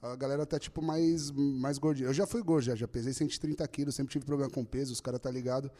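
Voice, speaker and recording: A man hosting a podcast who talks quickly in relaxed street slang. His speech is loose and filled with swearing, at a mid pitch. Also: long reverb tail. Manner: fast slangy talk, lots of swearing. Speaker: podcast host. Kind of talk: casual podcast chat.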